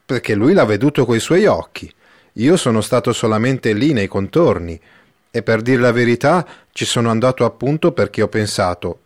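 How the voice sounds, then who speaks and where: A man's voice: medium pitch, no echo, clean studio sound, lightly acted. A man reading the part of a resolute young villager, telling news in a plain, firm, earnest way.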